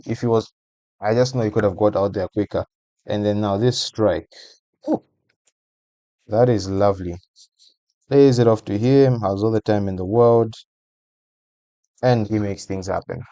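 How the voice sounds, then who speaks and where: Low-voiced man breaking down football. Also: steady tone, unhurried, pauses often, mellow, no room sound, highs cut off. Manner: conversational, repeats phrases for emphasis. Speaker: football match analyst. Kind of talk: casual voice-over match breakdown.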